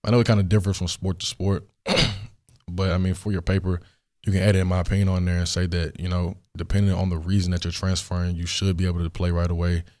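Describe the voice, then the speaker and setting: Answering listener questions solo in a studio, a young podcast host talks fast in a deep voice. It sounds hoarse and worn, still recovering, and his relaxed rambling is packed with fillers.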